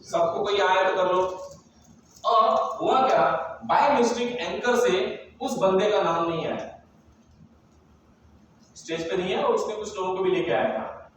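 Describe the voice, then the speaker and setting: A man's voice: high voice, measured pace, pauses often, a bit bright. A man leading an interactive sales training seminar, talking emphatically and firing questions at his audience. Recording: echoey hall, voice from far off, faint noise.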